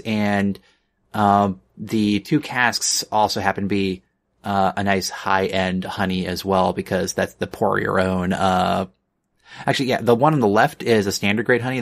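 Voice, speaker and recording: A man's voice: deep voice, fairly bright tone. A man narrating as game master of a tabletop game, loose and full of fillers, laughing often.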